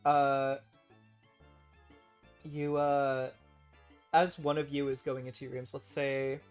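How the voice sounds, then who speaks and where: A woman narrating as game master for a group of players, her delivery loose and full of "um" and "like". She laughs often between lines. Soft music sits behind her voice. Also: extremely low pitch, level tone, takes it slowly, clear, resonant tone. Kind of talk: narrating a tabletop game with friends.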